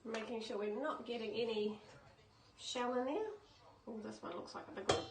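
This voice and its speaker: A woman's voice: on the high side, moderate pace, heavy background noise. Chatty New woman baking. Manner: chatty, upbeat, step-by-step explaining. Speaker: baking channel host. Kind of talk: casual cooking demonstration. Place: home kitchen.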